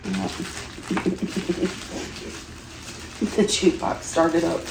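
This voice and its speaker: A middle-aged woman unboxes Halloween items while chatting casually, playful and giggly, with frequent exclamations. Her low voice has a sing-song lilt and a very slow pace. The room gives a roomy echo, and background noise is clearly audible.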